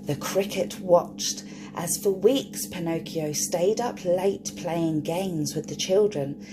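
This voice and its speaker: A children's storyteller reads a picture book expressively to young kids, drawing out key words and addressing her listeners. Her fairly low voice is slow, with background noise.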